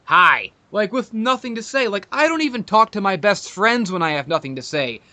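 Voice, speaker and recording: A man's voice: sits high, expressive, a little fast, sharp tone. A man hosting a podcast, ranting in a profane, sarcastic and mock-arrogant way in casual chat. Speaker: podcast host.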